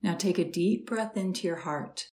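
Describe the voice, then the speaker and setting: A woman leads a guided meditation in a slightly low voice. She speaks softly and slowly, with calm pauses between instructions. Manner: slow, soft, soothing instructions with pauses.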